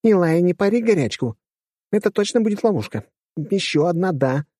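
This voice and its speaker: A man's voice: sits high, animated, normal speed, warm tone, no room sound, clean studio sound, pitched above the performer's own voice. Man doing a blunt female commander. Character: blunt female military commander, sharp and no-nonsense. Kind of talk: audiobook character voice.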